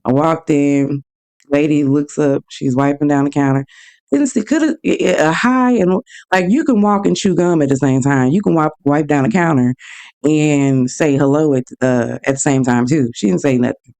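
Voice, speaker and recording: Frank storytelling woman with a gravelly voice. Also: sits low, moderate pace. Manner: frank and animated, acts out both sides of her stories. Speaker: podcast host. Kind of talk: casual personal storytelling.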